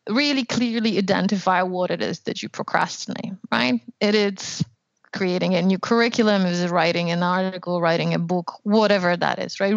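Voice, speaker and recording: A woman's voice: medium pitch, creaky, no room sound. Woman co-hosting an academic podcast, lo-fi. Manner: thoughtful, hedging with "right?" and "you know". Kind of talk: casual academic discussion.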